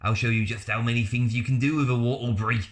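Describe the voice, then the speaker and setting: A man voicing a grumpy little male forest dwarf with a gruff, falsely friendly manner, reading aloud in a podcast. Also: medium pitch, steady tone, fast, natural voice. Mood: sly invite. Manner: gruff, cooling to mock friendliness.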